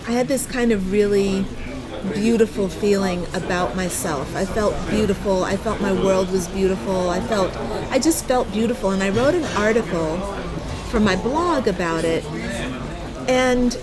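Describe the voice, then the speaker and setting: A woman's voice: mid-range voice, moderate pace. A woman hosting a casual chat over a meal, talking openly and often affirming her guest. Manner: warm, affirming, frequent agreement. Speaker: host. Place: busy restaurant. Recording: restaurant crowd noise around. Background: crowd chatter.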